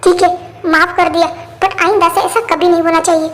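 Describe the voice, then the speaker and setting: A woman's voice: extremely high pitch, flat delivery, a little fast. A woman voicing a stern young man who scolds firmly, in a fan-dubbed drama. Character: stern young man, loyal to his partner. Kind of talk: Hindi fan-dub voice acting.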